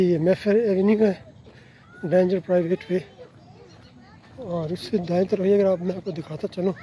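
A Pakistani travel vlogger with an Urdu accent films a quiet residential street on his handheld phone as he walks, politely pointing out houses. His unhurried tour-guide commentary is full of "ji" and "theek hai na". His voice sits high, and the poor audio has a little hiss or hum.

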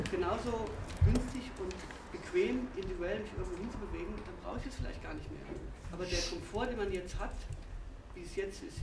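A man's voice: high-pitched, gravelly, very noisy. A man from the audience at a public panel discussion, speaking hesitantly with many fillers. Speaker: audience member. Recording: roomy, distant hall mic.

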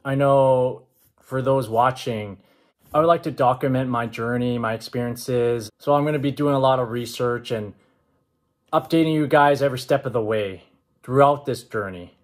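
A man in a measured, matter-of-fact vlog style. His voice is mid-pitched. He talks to a camera about an arm's length away, indoors at home. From Canada. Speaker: vlogger. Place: indoors, open-plan home with kitchen and stairs.

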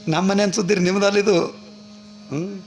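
A man with a North Karnataka Kannada accent giving a devotional storytelling sermon in a monastery hall, animated, throwing rhetorical questions at the gathering. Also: moderate pace. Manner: animated storytelling, rhetorical questions to the audience, sudden high exclamations. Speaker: spiritual discourse speaker.

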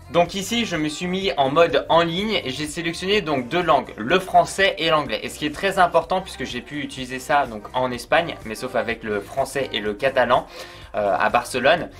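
With faint music playing behind him, a man reviews a product at a normal pace in a fairly high, fairly bright voice. He talks casually and directly to the audience, using plenty of fillers along the way.

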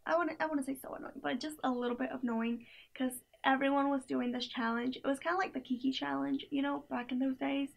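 Talking fast, a young adult playlist reviewer rambles through her picks with fillers and giggly asides. Her voice is high and full of gravelly fry, and the camera-mic audio from her small indoor room sounds dull.

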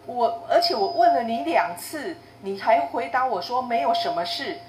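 Brief: woman doing a sharp-tongued mistress of the house, loud and scolding, in a roomy room. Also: a little high, animated, normal speed, close to an everyday voice. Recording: roomy echo, faint noise.

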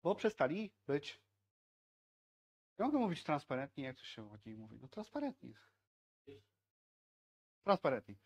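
Guy in his 30s doing a laid-back tech meetup talk, kinda high voice, keeps asking "right?". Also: very animated, normal speed, long pauses, darkish tone, breathy edge. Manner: conversational, frequent filler "tak?" and "e". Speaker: software team speaker at a tech meetup. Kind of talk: casual conference talk. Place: meetup room in front of projected slides.

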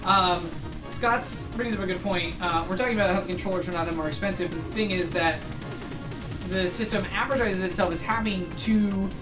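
A woman's voice: medium pitch, a little fast, poor audio. A woman co-hosting a game livestream, chatting casually and passing on viewer comments. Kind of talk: casual chat. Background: video game music.

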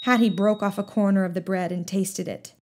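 A woman narrating a children's novel in the first person with a steady, gently expressive reading. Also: medium pitch, a little fast. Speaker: audiobook narrator.

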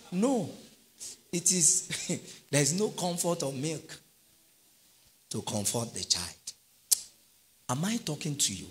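Middle-aged male pastor, sermon delivery, fairly high and lively, call-and-response with the congregation. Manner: animated preaching with call-and-response questions to the congregation.

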